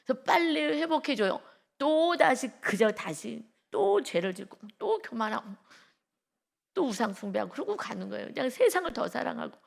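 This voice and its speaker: A woman pastor preaching an early-morning sermon with emphasis, reading scripture slowly and loudly and asking her listeners direct questions. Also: high-pitched, sing-song, vocal fry. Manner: vivid sound words and direct questions to the congregation.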